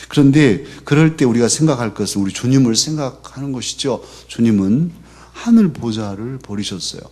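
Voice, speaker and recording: Male pastor, husky, conversational sermon delivery, church setting. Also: expressive, normal speed. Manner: conversational preaching, often drops to a soft low voice for quoted lines. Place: church sanctuary.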